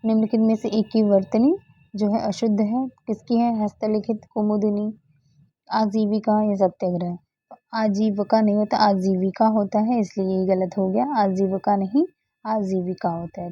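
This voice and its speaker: A woman tutor with a husky, mid-range voice steps through exam questions one at a time, repeating key answers patiently. Frequent fillers like "ठीक है" and "okay, next है" carry her to the next item. The sound is lo-fi, with no echo.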